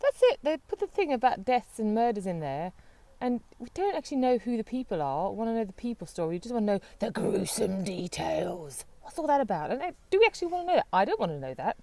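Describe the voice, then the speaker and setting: Woman from Britain, co-host, casual chat, lively swooping pitch, incredulous rhetorical questions. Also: quick pace, dry recording.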